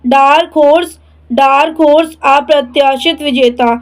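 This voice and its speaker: A woman's voice: high voice, steady tone, a little slow, rough recording. A woman teaching English vocabulary, spelling each word out letter by letter, then saying it twice and giving its meaning. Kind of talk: spelling and translating word lesson.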